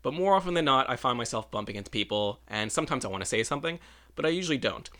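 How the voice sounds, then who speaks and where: A man's voice: medium pitch, animated, very fast, pushed and bright. A man talking in a casual, rambling monologue, often correcting himself and adding wry asides. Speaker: vlogger.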